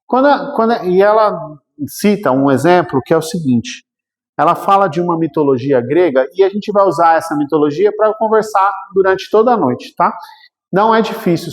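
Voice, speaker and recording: A spiritist lecturer with a Brazilian Portuguese accent tells stories in a chatty, colloquial style, tossing in humorous asides. His voice sits high and moves at a moderate pace. The recording has the echo of a reverberant hall.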